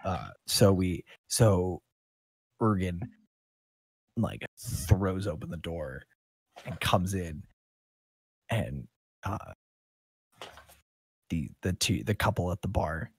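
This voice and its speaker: A man's voice: low-pitched, slow, long pauses, breathy edge, dry recording. A man narrating a tabletop game as game master, casual and rambling, with jokes and swearing.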